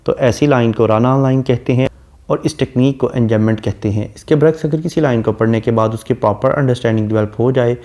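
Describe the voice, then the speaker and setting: A man giving a literature lecture, explaining a poem line by line and reciting the English verses slowly before explaining them. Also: mid-range voice, warm tone.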